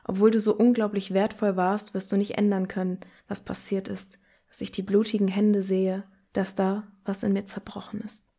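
A young woman hosting a book podcast, reading poetry excerpts and talking about books in a calm, earnest way. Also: medium pitch, normal speed. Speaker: podcast host presenting books.

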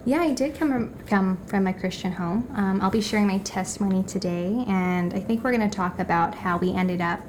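Woman podcast guest, casual personal story, kinda halting, medium pitch, slight noise. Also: darkish tone.

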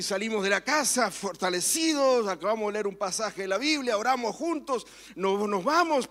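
A man's voice: high voice, a bit bright. A man, a pastor preaching a sermon in church, telling stories and turning fervent in prayer. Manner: storytelling with varied emphasis, fervent when praying.

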